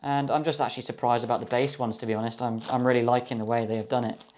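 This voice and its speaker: A man's voice: medium pitch, little pitch movement, racing, darkish tone, a little hiss or hum. Chatty young man opening trading cards. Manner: chatty, enthusiastic, many ums and guesses. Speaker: card box opener. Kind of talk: casual box-opening commentary.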